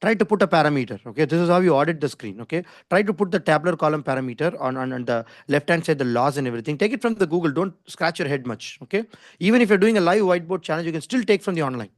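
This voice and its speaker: Fast-talking Indian man teaching an online class. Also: a little high, lively intonation, no echo, clean studio sound. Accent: Indian English. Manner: didactic, insistent, repeats himself, often checks with "okay?". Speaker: design skills instructor. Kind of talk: live online lesson, informal explaining. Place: online video call with screen share.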